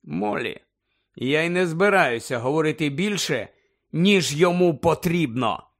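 A man voices an impatient grown man who answers coldly, in a clipped and restrained way, in a tense mood. His own voice is on the high side, animated and unhurried.

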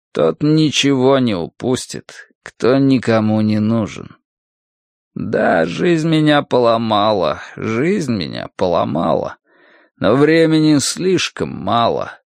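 A man reading an audiobook slowly recites a song's lyrics as a weary, mournful middle-aged folk singer. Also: mid-range voice, vocal fry, dry recording, studio quality, heavily acted.

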